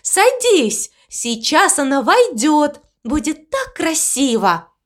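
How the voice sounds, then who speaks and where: Woman doing a motherly storybook cow, patient, explains everything slow and sing-songy. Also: high voice, big pitch swings, pitched above the performer's own voice, heavily acted. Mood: scolding. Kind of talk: storybook reading.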